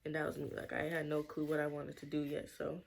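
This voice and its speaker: A woman's voice: low voice, completely flat delivery, quick pace, vocal fry, a little hiss or hum. A young woman vlogger telling a personal story in her bedroom, rambling and saying "like" constantly. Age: young adult. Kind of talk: casual storytime vlog. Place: bedroom at home.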